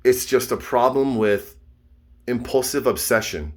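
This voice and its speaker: A man's voice: medium pitch, unhurried. A man in his thirties rambling casually to camera in a fitness vlog, repeating himself and checking in with "okay?" and "all right?". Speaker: fitness vlogger.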